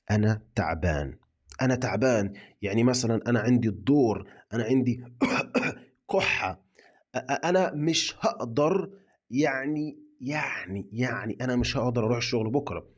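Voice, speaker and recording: Egyptian man teaching slowly, repeating himself. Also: medium pitch, animated, slightly rough, muffled recording. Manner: repeats example sentences slowly for learners. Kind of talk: slow, repetitive language lesson.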